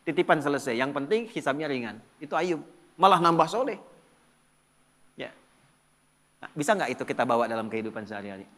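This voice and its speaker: A man preaching a sermon in a lively manner, asking his audience questions and answering them himself. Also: on the high side, long reverb tail. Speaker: Islamic preacher.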